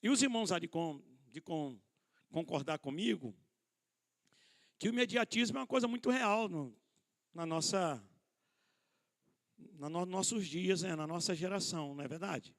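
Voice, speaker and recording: This middle-aged pastor speaks in a high voice with lively intonation, keeping a moderate pace and pausing often. He's preaching a conversational sermon at a church conference in a church hall, addressing the crowd as brothers, asking rhetorical questions and making self-deprecating jokes.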